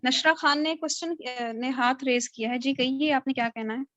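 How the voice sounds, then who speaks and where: A woman's voice: sits high, fairly even intonation, moderate pace, fairly bright tone, no room sound. A woman teaching a tajweed class over a video call, drilling letter sounds again and again. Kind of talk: online class lecture. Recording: dull lo-fi video call audio.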